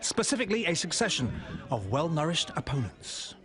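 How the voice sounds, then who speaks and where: A man's voice: a little high, very animated, fairly quick. A man narrating a sports feature as scripted voice-over, with a wry, playful delivery and dry asides. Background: music bed.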